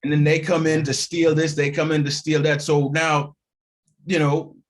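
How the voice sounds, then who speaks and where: Laughing at himself as he goes, a Haitian guest actor acts out the people in his story during a casual interview. He speaks at a moderate pace in a fairly high voice.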